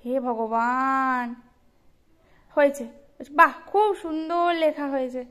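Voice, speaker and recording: A young woman with a high voice speaks casually to her child. She teases, coaxes and scolds lightly, in a warm and playful way. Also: slow pace. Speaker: mother filming her child. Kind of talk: casual family chat with a child.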